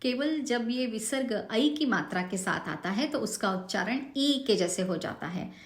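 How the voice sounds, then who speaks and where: A woman's voice: fairly high pitch, lively intonation, roomy sound. A woman teaching careful pronunciation of a devotional hymn in a recorded online lesson, patient and drawing out each example word. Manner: slow, patient, drawn-out example words.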